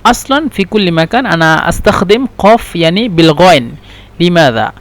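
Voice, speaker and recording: Male language teacher, high voice, drills phrases over and over. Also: expressive. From Bangladesh. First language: Bengali. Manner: repeats example phrases slowly, halting explanations. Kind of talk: explaining Arabic dialect lesson.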